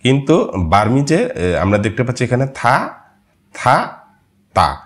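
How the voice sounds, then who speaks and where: A man whose first language is Marma, patiently explaining a screen-share language lesson and often pausing to hesitate. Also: medium pitch, very animated. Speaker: language course teacher.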